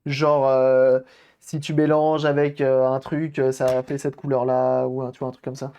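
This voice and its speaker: A man's voice: mid-range voice, little pitch movement, moderate pace, warm tone, clean tone. A man casually commenting on a live stream while repairing a game console, thinking aloud and greeting viewers as they arrive.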